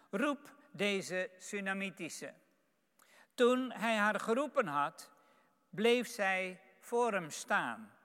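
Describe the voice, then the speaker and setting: A man's voice: high-pitched, clean tone. A man preaching a sermon, reading a Bible passage aloud and then reflecting on it. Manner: reads scripture aloud, then comments warmly on it. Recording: echoey hall.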